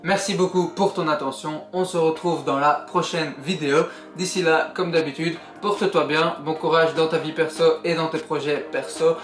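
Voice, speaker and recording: A man's voice: a little high, steady tone, moderate pace, few pauses, roomy sound, soft background music. A young man summarizing a book in a casual vlog, earnest and encouraging as he speaks directly to the viewer. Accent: Belgian French. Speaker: YouTuber.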